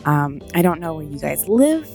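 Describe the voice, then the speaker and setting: A woman's voice: low-pitched, very animated, moderate pace, gravelly, warm tone, faint music behind. A woman hosting a podcast with a stuffy nose, chatting casually in a naturally sarcastic-sounding way and swearing freely. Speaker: podcast host.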